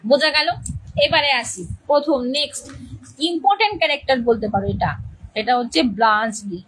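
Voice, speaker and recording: A woman's voice: sits high, brisk, a bit bright, rough recording. A woman English teacher explaining a play's characters to students, repeating key words and often checking that they understand.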